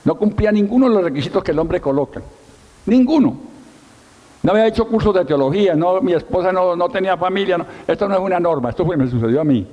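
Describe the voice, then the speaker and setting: A middle-aged pastor preaches in a church hall with long reverb. His voice is mellow and fairly high for a man. He tells his story with emphasis and self-mocking humor. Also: rapid-fire, few pauses, dull audio. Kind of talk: sermon.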